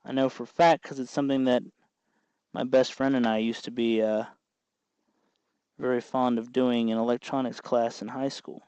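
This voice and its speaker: A man hosting a DIY electronics tutorial talks at a moderate pace, often pausing, in a medium-pitched, slightly mellow, smooth voice with little pitch movement. He explains each step patiently and folksily while working, and the recording is dry.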